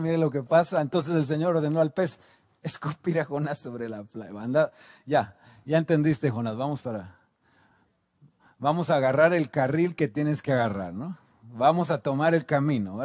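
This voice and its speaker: A man with a Guatemalan Spanish accent preaching a sermon, moving from quiet reflection to loud shouted climaxes. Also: fairly high pitch, dry recording, studio quality.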